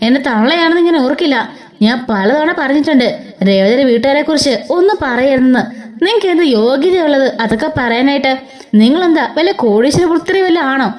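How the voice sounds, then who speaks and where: A woman's voice: high-pitched, darkish tone. A woman voicing an angry young husband who scolds harshly.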